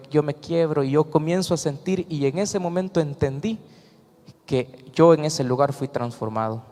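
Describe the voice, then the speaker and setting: Salvadoran man, slightly high voice, earnest church testimony, reverberant hall. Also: darkish tone. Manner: earnest, storytelling with acted quotes. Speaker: church member giving testimony. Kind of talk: emotional personal testimony to a congregation.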